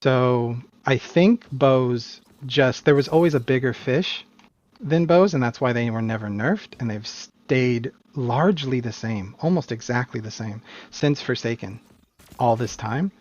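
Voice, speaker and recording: A man's voice: medium pitch, a little slow, lo-fi sound. A man answering interview questions in a casual, emphatic way, often restarting his sentences. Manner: animated, emphatic opinions with frequent restarts. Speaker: guest, competitive game player.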